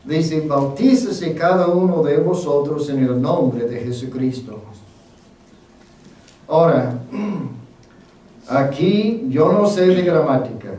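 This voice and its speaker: Male pastor, sermon, slow and homely, slightly high voice, heard at a distance in a very reverberant church. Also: mellow. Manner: unhurried, folksy, self-deprecating, many fillers. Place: church sanctuary. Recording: very echoey church, mic at a distance.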